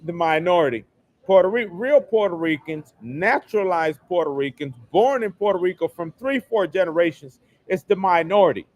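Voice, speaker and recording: A man with a high voice runs a solo livestream from home in New York, ranting with emphasis and hammering the same phrases again and again. There's no echo in the recording.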